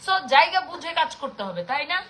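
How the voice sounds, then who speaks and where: With a high voice, big pitch swings and a sharp tone, a woman in her thirties fast-talks her way through scolding her viewers. This passionate, casual rant comes from a vlogger with a Mymensingh Bangladeshi accent, over slight background noise.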